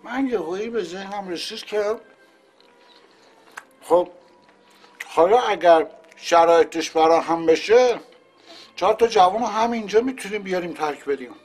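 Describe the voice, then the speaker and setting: A smooth-talking middle-aged man, persuasive and explaining his plan. in a fairly high voice, with faint music behind him. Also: pauses often.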